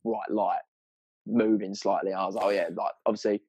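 A man's voice: on the low side, little pitch movement, moderate pace, darkish tone, slightly rough. A man with a southern English accent telling anecdotes in casual, sweary, slangy chat, rambling along in a matey way.

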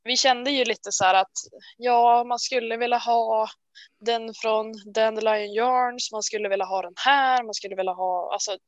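A woman co-hosting a casual chat, talking in a chatty, self-deprecating way full of quick restarts. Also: fairly high pitch, fairly even intonation, no echo, dull audio. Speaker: podcast co-host. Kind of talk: casual chat about knitting.

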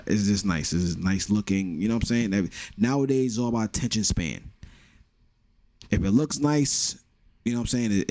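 This podcast host is a young New Yorker from the Bronx whose solo show is casual, blunt and profane in its humor. His voice is on the low side and a little mellow, with no echo and a New York accent.

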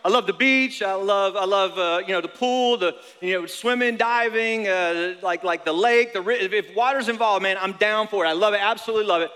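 A male pastor in his forties delivers a booming motivational sermon in a big reverberant hall. His voice is pitched high and cuts through brightly, and he repeats short phrases to rally the congregation. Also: normal speed, hardly any pauses, smooth. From North Carolina, United States. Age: 40s. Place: large church auditorium with PA. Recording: reverberant large hall sound.

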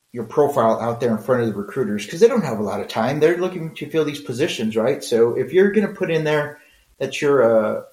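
A middle-aged man with a Mexican accent hosts a solo podcast, talking frankly and conversationally with rambling asides. His voice is medium-pitched with a darkish tone, and the audio is poor and reverberant.

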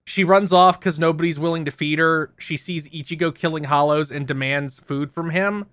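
A man's voice: fairly high pitch, steady tone, moderate pace, a bit bright, clear, resonant tone, no echo. A man co-hosting a podcast, casually recapping episodes in a rambling, profane way. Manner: rambling plot recap with frequent profanity and laughs.

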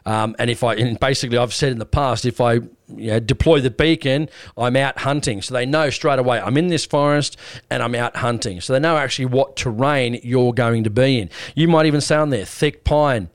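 A man's voice: mid-range voice, fairly quick, no echo. Blokey Australian man, dry close sound. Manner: blokey, plain-spoken. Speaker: podcast host. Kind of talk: casual hunting podcast talk.

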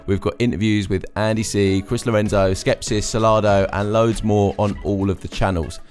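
Low-voiced male podcast host. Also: steady tone, moderate pace, a little mellow, faint music behind. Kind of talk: scripted podcast intro and casual interview.

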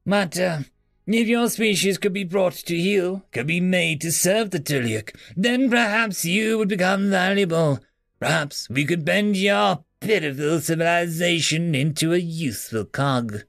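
A man's voice: sits high, unhurried, creaky, fairly bright tone, no room sound, clean studio sound, faint music behind, pitched above the performer's own voice, full character voice. A man voicing a proud, contemptuous male alien prisoner who speaks with disdain. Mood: scornful. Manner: haughty, disdainful.

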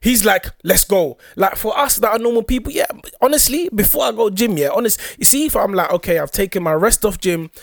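A man's voice: sits high, fairly quick, creaky, few pauses, no room sound, studio quality. A young man with a London roadman accent chatting casually as a podcast co-host, full of street slang and often checking that the listener follows. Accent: London roadman, multicultural urban slang. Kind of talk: casual chat.

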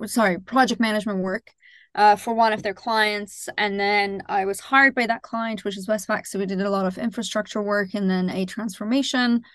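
An Iranian woman in her thirties, a startup founder, answers interview questions thoughtfully, pausing often and correcting herself. Her voice is medium-pitched, fairly bright and smooth, with no echo.

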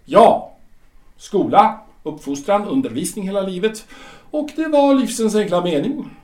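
For an amateur audio drama, a man plays a wry guide to the dead who probes and reads out verdicts with measured pauses. His high voice swoops lively across its range, and the room sounds roomy and echoey.

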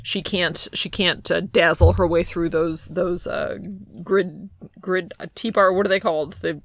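A woman with a lowish voice speaks at a measured pace and with fairly even intonation. Co-hosting a podcast, she casually recaps a comic book in a wry, playful, loosely improvised way, often laughing.

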